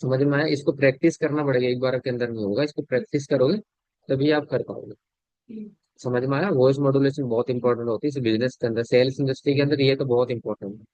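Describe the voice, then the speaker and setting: A man coaching a sales team in an informal talk. He keeps asking whether they understand, repeats his points, and changes his loudness and speed to demonstrate. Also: medium pitch, dry recording. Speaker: sales business trainer. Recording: dull lo-fi audio, dry.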